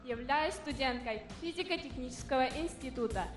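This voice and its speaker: Casting: woman of twenty, rehearsed contestant introduction, high pitch, big reverberant stage sound. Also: normal speed, distant mic, over music. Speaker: pageant contestant. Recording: echoey large hall.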